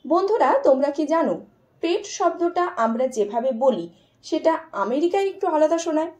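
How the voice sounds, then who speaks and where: A woman teaching English pronunciation to her viewers in a lively lesson, stretching out example words to show the sounds. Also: high voice, fairly quick. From Bengal. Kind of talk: explanatory lesson, addressing viewers as friends.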